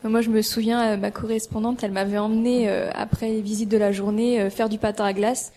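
A woman's voice: medium pitch, little pitch movement, fairly quick, warm tone, a little hiss or hum. A woman interviewing classmates on live school radio, hesitant and full of fillers.

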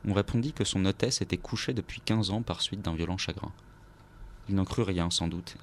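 A man narrating a literary story aloud in a grave, measured way. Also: low-pitched, slight background noise.

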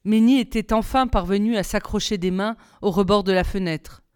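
A woman narrating a children's novel aloud in a steady, measured storytelling manner. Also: mid-range voice, clean tone.

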